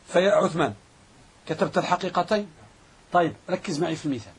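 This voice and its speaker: A man teaching a grammar class, repeating definitions slowly and quizzing his students. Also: fairly high pitch, expressive, breathy edge. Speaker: Islamic scholar teaching Arabic grammar.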